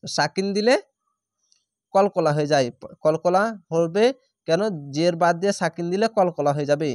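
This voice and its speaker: A man with a high voice teaches Quran reading. He spells each syllable and then stretches out the recited word. The sound is dry and close, with no room echo. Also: normal speed, darkish tone.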